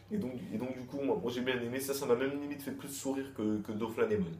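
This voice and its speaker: A manga chapter reviewer gives a loose, rambling, repetitive review peppered with crude slang and frequent restarts. His medium-pitched voice is a little fast and darkish, with fairly even intonation. The room is echoey, with faint background noise.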